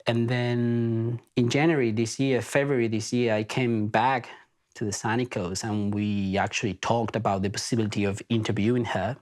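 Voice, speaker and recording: A man's voice: medium pitch, flat delivery, moderate pace, a little mellow. A man from Argentina with an Argentine accent, hosting a podcast and telling his story in an earnest, reflective way. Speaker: podcast host. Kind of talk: casual spoken introduction.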